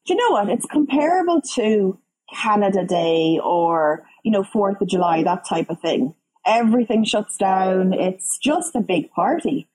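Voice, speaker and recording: A woman with a Dublin Irish accent chats as a guest on a show, telling stories in a lively way. Her voice has a slightly husky edge at a middle pitch. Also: measured pace, poor audio. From Ireland. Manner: chatty, lively storyteller. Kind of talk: casual interview chat.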